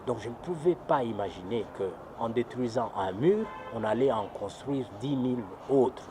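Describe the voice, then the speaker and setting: A man's voice: mid-range voice, animated, unhurried. A man from Congo giving a documentary interview, grave and emphatic, repeating phrases for effect. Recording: clear street noise behind.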